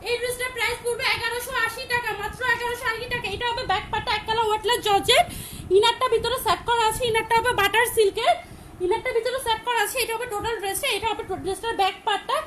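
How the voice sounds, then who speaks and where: A young woman hosts a live clothing sale in a big, loud voice that sits very high. She talks fast and repeats every price with emphasis. Faint room noise hums behind her. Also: steady tone. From Chittagong, Bangladesh. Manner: repetitive, emphatic, rattles off prices. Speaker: online clothing seller. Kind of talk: live-stream sales pitch.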